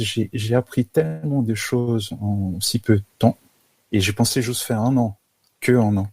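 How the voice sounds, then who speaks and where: A man from Brazil speaking French with a Brazilian accent, his voice low and gravelly. He talks in a casual interview, halting and restarting often. The sound is dry and close. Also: warm tone, no echo. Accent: Brazilian Portuguese. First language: Portuguese. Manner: halting, many restarts and fillers. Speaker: guest photographer.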